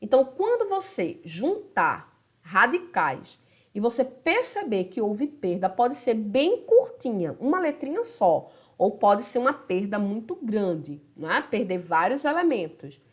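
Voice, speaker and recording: In this recorded video lesson on grammar, a Brazilian Portuguese-accented woman talks directly to her students, frequently checking on them through chatty tag questions. Her voice sits on the high side, sing-song and measured.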